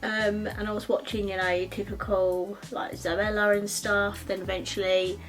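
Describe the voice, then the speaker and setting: Faint music plays behind this Essex beauty vlogger in her twenties, who chats her way through a get-ready-with-me makeup session with plenty of ums, likes and quick laughs in her Essex English accent. Her voice is medium-pitched with little pitch movement.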